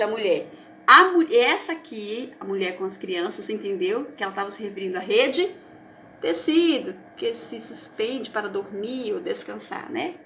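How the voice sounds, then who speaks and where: A woman's voice: medium pitch, fairly bright tone, a little hiss or hum. A woman teacher with a Brazilian Portuguese accent, reviewing a lesson for young children in a patient, encouraging way that often checks they follow. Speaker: primary school teacher.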